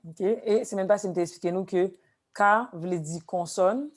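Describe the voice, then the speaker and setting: A woman teaching a language class, explaining slowly with repeated examples. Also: fairly low pitch, mellow. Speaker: Haitian Creole teacher.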